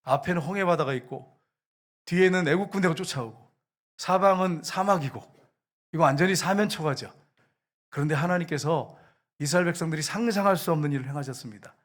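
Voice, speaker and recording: Korean pastor guy preaching, kinda high voice, gyeongsang accent, keeps asking the room questions. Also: a little fast. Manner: addresses congregation directly, asks and answers questions. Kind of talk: sermon.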